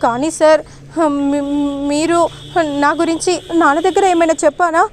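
A woman's voice: extremely high pitch, fairly even intonation, normal speed, a little hiss or hum. A woman voicing an anxious young woman torn between her lover and her father, speaking in a pleading, emotional way.

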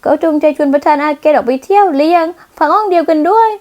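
A woman voicing a spoiled young fiancée who whines and tattles in a shrill manner, in a manga dub. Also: fast, a little mellow, close to an everyday voice. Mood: whiny tattling.

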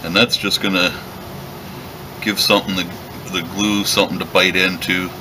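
A very deep-voiced man talks through a leathercraft job in a calm, step-by-step way as he works. He is recorded at his workshop bench, with a steady air conditioning hum clearly audible behind him. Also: normal speed. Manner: relaxed, step-by-step explaining while working. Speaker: leatherworking instructor. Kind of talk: hands-on craft tutorial.

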